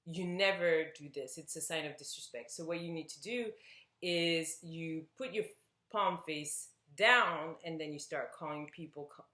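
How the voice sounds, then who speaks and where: Low-voiced woman telling a rambling story. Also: normal speed, bright, forceful tone, reverberant. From Belgium. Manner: hesitant, rambling, with many fillers and restarts. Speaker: vlogger. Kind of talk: casual personal storytelling to camera.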